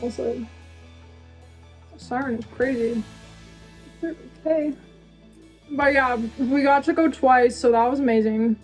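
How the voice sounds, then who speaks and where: Young female vlogger, chatty and giggly, higher voice, talks while eating, light music underneath. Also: fairly even intonation, slow, pauses often. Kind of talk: casual chat reacting to old video.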